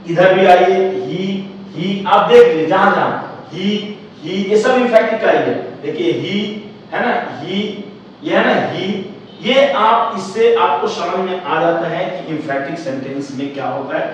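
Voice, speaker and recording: A man teaching an English grammar lesson, repeating phrases and slowly stretching out the key words for emphasis. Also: fairly high pitch. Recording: very echoey room, voice from far off, faint noise.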